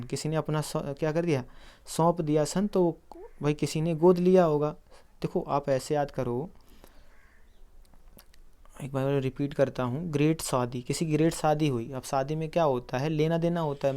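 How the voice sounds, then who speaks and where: Smooth-voiced man teaching memory tricks. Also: on the high side, mellow. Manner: asks quiz questions and answers them himself; explains with memory tricks, addresses viewers as friends. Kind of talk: exam-prep lesson on video.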